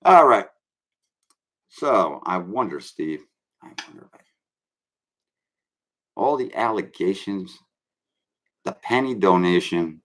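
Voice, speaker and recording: A man's voice: low voice, lively intonation, takes it slowly, pauses often. Brash swaggering man ranting on a stream. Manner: brash, swaggering, addresses viewers as kids. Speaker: online show host. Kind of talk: rambling live-stream rant.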